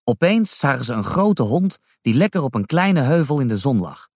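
Man, children's story reading, slow, expressive, lively pitch, dry close sound. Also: breathy edge, no room sound.

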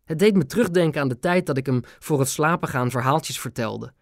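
A man's voice: a little high, brisk, no echo, clean studio sound, natural voice. A man voicing an elderly grandmother who is devoted to her grandson. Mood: tender. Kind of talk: audiobook character voice.

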